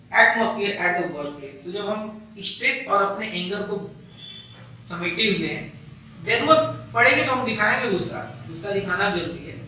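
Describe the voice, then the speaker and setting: High, bright-voiced male teacher, echoey room. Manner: explains with everyday examples, addresses students as children. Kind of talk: classroom lecture. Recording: echoey room, mic far from speaker.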